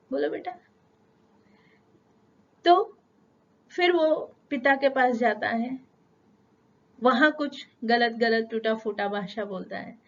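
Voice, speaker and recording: Slow-speaking woman teaching spoken English. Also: fairly high pitch, a little hiss or hum. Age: middle-aged. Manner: explains patiently with everyday examples, slowing down on English sentences. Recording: dull lo-fi sound.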